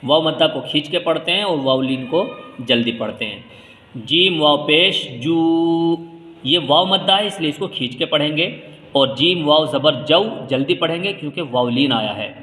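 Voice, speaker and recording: Bright-voiced male teacher in an echoey room. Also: a little high, lively intonation. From India. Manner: patient explaining, drawing out and half-chanting letter sounds. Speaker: Quran reading teacher. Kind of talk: step-by-step reading lesson. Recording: echoey room with long reverb.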